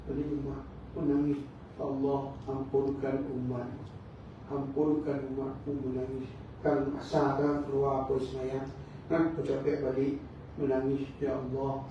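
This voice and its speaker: A man's voice: mid-range voice, a little hiss or hum. A male religious teacher with a Malaysian Malay accent gives a mosque lecture, telling stories, acting out the dialogue and checking with the crowd. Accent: Malaysian Malay, Negeri Sembilan. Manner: storytelling, acts out dialogue, asks the crowd "kan?". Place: mosque hall. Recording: echoey room from far off, dull.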